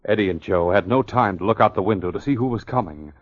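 A man's voice: lowish voice, fast. A man giving scripted narration for an old-time radio drama. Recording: dull, hissy, clicking old radio recording.

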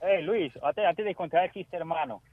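A man's voice: fairly high pitch, normal speed, dry recording, narrow, tinny audio. A man calling in to a radio show, chatty and friendly while telling a joke. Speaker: caller. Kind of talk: casual call-in chat and joke telling.

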